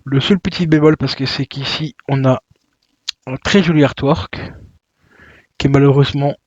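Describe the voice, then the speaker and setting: A man's voice: medium pitch, fairly even intonation, normal speed, darkish tone, dry recording, dull audio. A man chatting casually while he unboxes a video game, with lots of fillers and self-corrections. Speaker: YouTuber unboxing video games.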